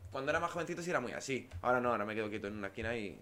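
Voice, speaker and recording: Young guy, podcast co-host, animated anecdote teller who laughs and acts out quotes. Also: mid-range voice, rapid-fire, crowd noise. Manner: storytelling, laughs often, acts out quoted lines. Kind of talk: casual chat.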